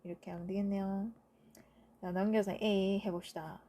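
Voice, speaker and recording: Her voice warm, steady and mid-range, a female teacher slowly explains the answers to English grammar exercises in a lecture. Along the way she confirms understanding with quick "그쵸?" tag questions.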